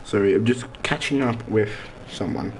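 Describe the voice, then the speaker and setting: A man's voice: lowish voice, normal speed, a little mellow. A man calling an online racing league in a loose, chatty way. He trips over names and restarts his sentences, poking fun at his own slips. His voice keeps cracking, and a faint hiss sits under the recording. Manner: rambling, stumbles over words and names, self-mocking. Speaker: race commentator. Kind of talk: casual sim racing commentary.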